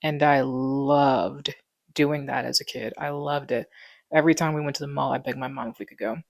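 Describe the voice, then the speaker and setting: Speaking from home into a wireless clip mic, this twenty-something vlogger rambles through a casual chat, full of fillers and very relaxed. Her voice rumbles low and gravelly at a normal speed, and the studio-quality recording has no room sound.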